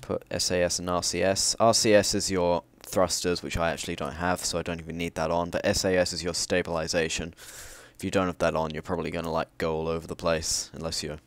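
A man's voice: sits low, flat delivery, fast, hardly any pauses, dry recording. A man giving loose, rambling gameplay commentary, full of fillers and restarts. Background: loud background music.

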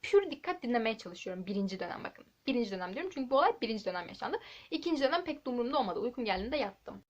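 A teenage girl vlogging to camera, telling chatty, animated stories with quick asides. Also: on the high side, highs cut off. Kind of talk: casual chat to camera. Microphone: handheld camera.

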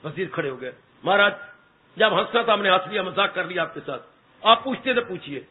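High-voiced preacher on a tinny line. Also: male voice, brisk, slight background noise. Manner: animated, acts out dialogue in stories, addresses listeners as son and daughter. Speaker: spiritual teacher giving satsang. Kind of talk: devotional sermon with storytelling. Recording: tinny phone-like sound.

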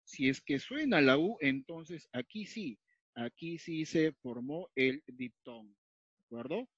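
Here a Peruvian man teaches grammar while writing on a whiteboard or tablet, going step by step, repeating the main points and regularly asking if students follow. His slightly high voice is animated, a bit bright, slightly rough and a little slow. The sound is dull, lo-fi and dry.

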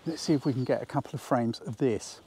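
Talking fast in a mid-range, slightly mellow voice, a photography tutor leads an eager, conversational lesson outdoors on a countryside hillside, thinking aloud while he works. It's an instructional outdoor vlog, and there's a little hiss or hum.

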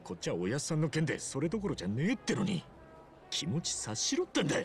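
An actor playing an impatient, hot-headed gangster hero in a video game, with rough, blunt, slangy speech. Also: male voice, a little high, wildly swooping pitch, fast, soft background music. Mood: grumbling. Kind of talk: video game drama acting.

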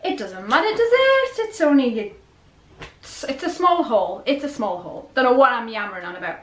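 A middle-aged woman vlogger chats casually in a small bedroom, rambling a bit and asking herself questions as if filming a clothing haul. Her fairly high voice swings widely in pitch, with a normal pace and a fairly bright tone. The recording carries a roomy bedroom echo.

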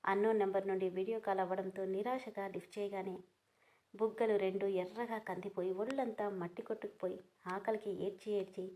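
A woman's voice: medium pitch, level tone, brisk, dark tone. Woman reading out a dramatic story episode, talks to listeners like friends. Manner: emotive, addresses listeners as friends.

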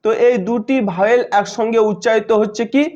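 Man with a very high voice, patient phonics teacher, repeats example words, dull lo-fi sound. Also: steady tone, darkish tone. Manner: repeats each example word slowly and checks with "okay?". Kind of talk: spoken English phonics lesson. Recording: dull lo-fi audio.

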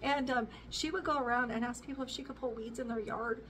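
A woman's voice: a little high, steady tone, brisk, background noise. Chatty woman talking from a distance. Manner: rambling, chatty, with fillers and laughs. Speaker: homestead vlogger. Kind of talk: casual talk to camera. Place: living room with bookshelves, indoors. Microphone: camera at a distance.

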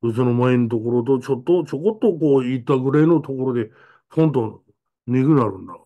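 A man's voice: medium pitch, expressive, fast, phone-quality sound. A man doing a rustic Aomori-dialect boy. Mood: earnest. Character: rural boy transfer student, plain-spoken.

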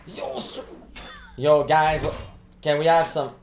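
A woman streamer calls out her gameplay live, her low voice swinging wildly from mutters to loud, laughing bursts. She talks slowly and loosely, full of slang and swearing. The room is echoey, with faint keyboard typing behind her. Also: big pitch swings, vocal fry. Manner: profane slangy chatter.

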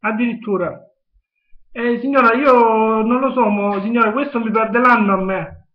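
A man's voice: high-pitched, normal speed. A young man with a southern Italian accent making a prank phone call, talking in a hesitant, insistent, pleading way. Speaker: prank caller. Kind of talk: improvised phone prank chat. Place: small home kitchen, indoors. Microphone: webcam at arm's length. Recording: dull webcam sound, echoey room.

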